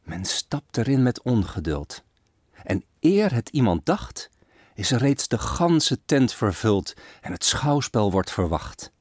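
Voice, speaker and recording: A man narrating a rhymed fable in a lilting, very expressive recital. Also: mid-range voice, dry recording, studio quality.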